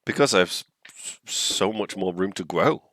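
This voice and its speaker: A man playing an eager, nervous fantasy villain at an audition, speaking politely and haltingly. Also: low voice, expressive, fairly bright tone, no echo.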